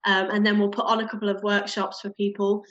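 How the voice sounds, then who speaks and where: A woman's voice: medium pitch, completely flat delivery, fast talker, fairly bright tone. Young woman podcast guest, talks on and on with ums, muffled lo-fi sound. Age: young adult. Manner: rambling, many "um"s, laughs at herself. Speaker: youth advisor, podcast guest. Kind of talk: casual podcast chat.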